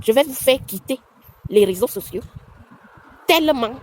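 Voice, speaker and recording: A woman's voice: on the high side, expressive, normal speed, a little mellow, low-quality recording. A woman from Cameroon delivering a combative, scolding social media rant, often repeating herself. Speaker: vlogger.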